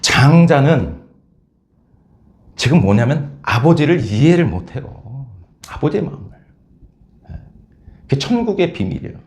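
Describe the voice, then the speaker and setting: A male preacher retells a parable with animated storytelling. His voice sits high and swings widely, and he keeps calling on his listeners. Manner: animated storytelling, frequent "예?" and "여러분". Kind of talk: sermon.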